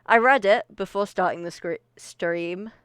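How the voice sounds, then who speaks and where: A woman's voice: mid-range voice, unhurried, a bit bright, clean tone, dry recording, studio quality. A woman streamer chatting casually to her live audience, a little out of breath, rambling and often laughing. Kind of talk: casual livestream chat.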